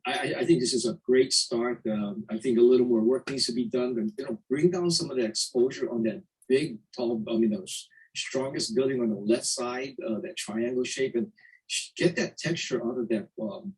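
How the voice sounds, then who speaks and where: A man critiquing photographs as a competition judge, energetic and emphatic, repeating his key points. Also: mid-range voice, normal speed, breathy edge. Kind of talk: spoken critique. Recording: distant mic.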